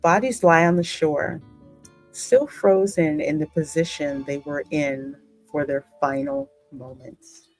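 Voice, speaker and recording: A woman with a low-pitched voice narrates a story game slowly on her gaming channel, pausing for her own reactions in asides. Music plays behind her, and the audio is poor.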